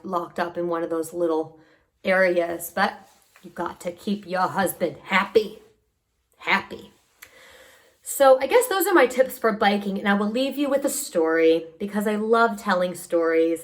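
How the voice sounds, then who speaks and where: A woman vlogger casually telling stories to her viewers, acting out what people said along the way. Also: medium pitch. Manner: lively storyteller who acts out what people said. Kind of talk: casual storytelling vlog.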